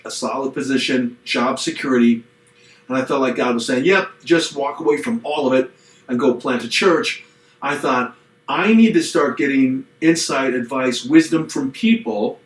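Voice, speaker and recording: A middle-aged man co-hosts a podcast in a casual, reflective way, circling back with restarts and slipping in dry, self-deprecating jokes. His voice sits at an ordinary mid pitch. It rings around an echoey room. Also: far from the mic. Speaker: podcast co-host, pastor. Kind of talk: casual chat.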